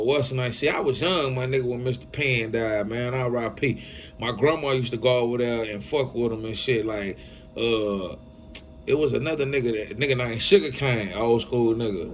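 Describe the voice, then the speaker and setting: Dude telling old neighborhood stories, lots of slang, goes loud when hyped, bit of hiss behind. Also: male voice, mid-range voice, normal speed. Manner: loose storytelling, heavy slang, gets loud when excited. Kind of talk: casual chat.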